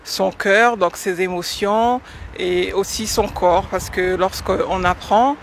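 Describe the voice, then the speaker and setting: A woman from French Guiana in her forties, answering radio interview questions about teaching with hesitant pauses and many fillers. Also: medium pitch, steady tone, vocal fry, slight background noise. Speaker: guest, educator.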